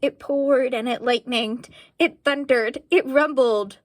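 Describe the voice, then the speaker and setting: A woman reading a picture book aloud, slow and expressive, pausing to ask her listeners questions. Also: sits high, dry recording. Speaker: storyteller.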